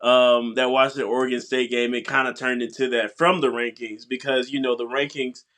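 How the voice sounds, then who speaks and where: A congested male podcast co-host in casual sports chat, speaking haltingly with many ums and uhs. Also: medium pitch, flat delivery, a bit bright.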